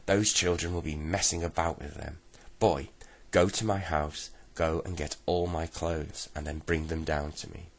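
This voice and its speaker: A man voicing a fierce, bossy old woman from a storybook, scolding and shrill. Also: fairly even intonation, normal speed, few pauses.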